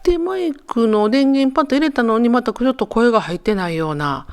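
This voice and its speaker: A woman's voice: fairly high pitch, animated, brisk, clear, resonant tone. Chatty Kansai woman in her sixties. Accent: Kansai Japanese. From Japan. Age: 60s. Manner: chatty, joking, talks to viewers like friends. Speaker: travel vlogger. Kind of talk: casual voice-over narration.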